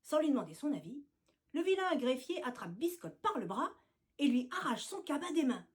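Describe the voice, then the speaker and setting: A woman telling a scripted children's tale, her voice pitched high and lively. She swoops up and down with plenty of expression. The telling is animated from line to line. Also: normal speed. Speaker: storyteller. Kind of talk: scripted storytelling.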